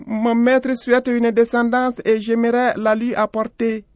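A man voicing a gentle female goat turned young woman, in a high pleading voice. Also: flat delivery, unhurried, dry recording.

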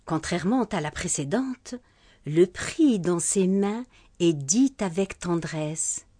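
A woman telling a folk tale in a measured, unhurried storytelling manner. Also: lowish voice. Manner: measured, unhurried narration with a closing formula.

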